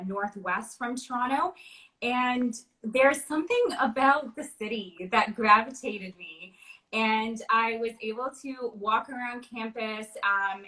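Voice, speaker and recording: A woman from Trinidad and Tobago, a university recruitment manager, answering interview questions in a friendly, measured way with frequent fillers. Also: mid-range voice, bright, forceful tone, rough recording. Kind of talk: livestream interview.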